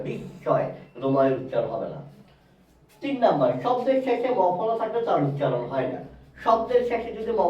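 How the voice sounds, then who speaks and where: A man teaching a grammar lesson at a whiteboard, speaking straight to his viewers, spelling out letters and repeating each rule slowly. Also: high-pitched, darkish tone. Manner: addresses viewers directly, self-correcting. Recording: roomy, distant, dull sound.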